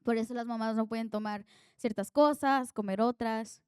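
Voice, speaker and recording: A woman's voice: on the high side, fairly even intonation, moderate pace, clear, resonant tone, dry recording, studio quality. A young woman preaching an earnest, conversational sermon that draws on her own life.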